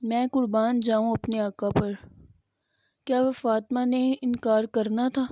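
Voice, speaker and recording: A woman's voice: fairly high pitch, little pitch movement, dark tone, dry recording. A woman telling religious stories in a sermon style, fervent and emphatic. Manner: fervent, emphatic, acts out quoted dialogue. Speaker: religious storyteller. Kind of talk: Islamic sermon storytelling.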